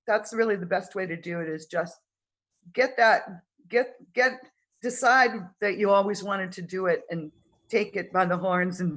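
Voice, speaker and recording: A middle-aged woman talking casually as a guest in an interview, halting with many fillers, her throat dry from talking. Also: on the low side. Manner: halting, many fillers and restarts, occasional coughs. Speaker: guest conductor. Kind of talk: casual interview over video call.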